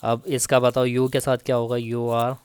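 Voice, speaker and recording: A man teaching Turkish grammar in a casual spoken lesson, slowly repeating each example and checking in often with the listener. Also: medium pitch, little pitch movement, a little mellow, clear, resonant tone, no room sound. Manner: slow, repeats each example with frequent "theek hai".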